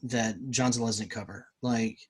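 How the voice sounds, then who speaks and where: A man who designs games, talking casually in an interview, relaxed and chatty, laughing easily. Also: mid-range voice, normal speed, breathy edge. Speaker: game designer guest.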